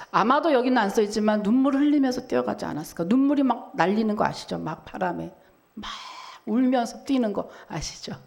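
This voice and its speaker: A middle-aged woman pastor preaching a sermon, telling a story vividly and asking the congregation rhetorical questions. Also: fairly high pitch.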